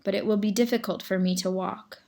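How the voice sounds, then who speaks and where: A woman voicing a calm female robot in a storybook reading, speaking formally without contractions. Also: medium pitch, fairly quick, close to an everyday voice.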